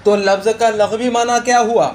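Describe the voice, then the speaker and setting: A man teaching a religious grammar lesson. He talks slowly, repeats the key terms and keeps asking his students questions. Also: high-pitched, steady tone, a little mellow, slight background noise. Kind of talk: classroom lesson on Arabic grammar.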